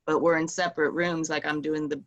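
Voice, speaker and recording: A woman's voice: deep voice, level tone, a little fast, dull audio. A woman in her thirties chatting casually on a video call, rambling with many fillers. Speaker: meeting participant.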